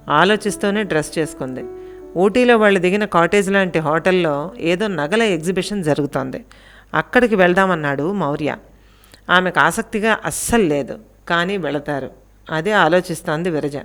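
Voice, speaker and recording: A woman calmly narrating a Telugu family audio story in a scripted, even storytelling manner. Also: on the low side.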